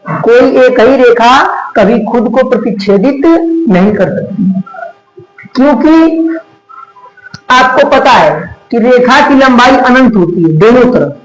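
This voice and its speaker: A man's voice: very high-pitched, expressive, slow, faint music behind. A man teaching a math lesson who asks the class questions, then answers them himself, stretching out the key words. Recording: echoey room.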